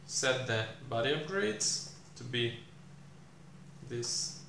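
A young man teaching programming while he codes, thinking aloud with many fillers and pauses, recorded in a small room. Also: mid-range voice, expressive, vocal fry, pushed and bright. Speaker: programming tutor. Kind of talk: live coding explanation. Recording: echoey room, faint hiss.

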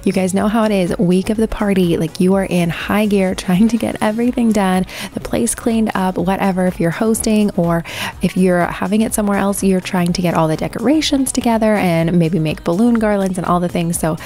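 A woman's voice: mid-range voice, brisk, warm tone. A woman in her thirties chatting to viewers in a friendly, upbeat voice-over for her cleaning vlog. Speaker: cleaning vlogger.

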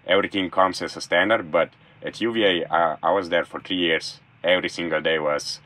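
A man's voice: sits low, steady tone, brisk, sharp tone. A young man from Slovenia, a non-native speaker, talking enthusiastically as a guest in a casual interview from his van, often restarting his sentences. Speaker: guest, former college thrower. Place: small room in a camper van.

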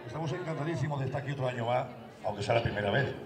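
A man's voice: mid-range voice, rapid-fire, roomy sound, a crowd in the background. A man from a carnival group telling a joke on stage and mimicking stammering characters. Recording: distant stage microphone.

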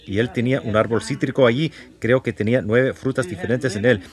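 A man's voice: medium pitch, steady tone, brisk. A man preaching a sermon and leading a prayer with fervour, repeating words and putting questions to the congregation.

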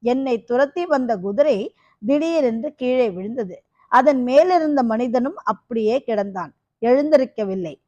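A fearsome, half-crazed kapalika woman with a harsh voice, read by a woman. She tells her tale with dramatic relish. High voice, dry and slightly dull recording. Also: expressive, measured pace, warm tone, no room sound.

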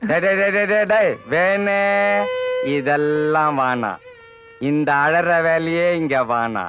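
A blustering, scolding elder. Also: male voice, on the high side. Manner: scolding, quick bursts of exasperation. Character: blustering, bossy middle-aged family elder. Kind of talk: Tamil film comedy acting. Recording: dull film soundtrack, faint music.

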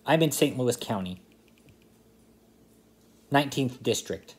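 Recorded at home by a phone or laptop camera held close in front, a man in his 30s who baits scammers speaks slowly and expressively at medium pitch. He's polite and tentative on the phone call, occasionally turning to address the camera.

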